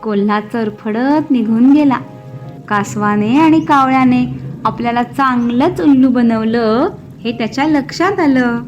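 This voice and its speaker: Lively high-voiced woman storyteller. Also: measured pace, dull audio. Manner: lively, expressive. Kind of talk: children's story narration. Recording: soft background music.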